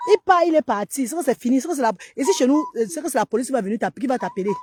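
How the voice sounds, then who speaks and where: Earnest husky woman on a phone livestream. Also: high voice, lively intonation, very fast, warm tone. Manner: earnest, urging other mothers. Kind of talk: casual livestream talk. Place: outdoors in a park.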